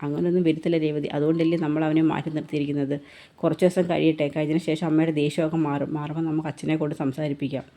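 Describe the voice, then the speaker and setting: A woman with a Malayali accent quickly retelling a TV serial episode, voicing each character's lines in turn. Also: deep voice, flat delivery, mellow. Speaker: serial story narrator.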